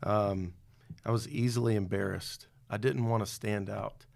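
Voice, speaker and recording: A middle-aged man shares his personal testimony as a podcast guest, speaking candidly and reflectively with some self-deprecating humor. His voice is fairly low, gravelly and darkish, with a steady tone and measured pace.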